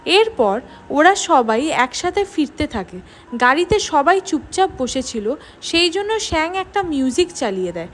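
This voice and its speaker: A woman tells a drama's story in a high, bright voice that swings up and down. She moves through each scene as a storyteller and voices the characters' lines herself. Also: very animated, a little slow, slight background noise. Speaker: drama recap narrator. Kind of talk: scripted story narration.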